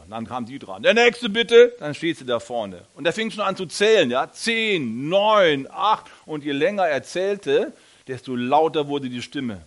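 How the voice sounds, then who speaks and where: Lively German preacher man telling stories. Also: medium pitch. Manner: lively storytelling, addresses congregation directly, acts out quoted voices. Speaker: pastor. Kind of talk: sermon.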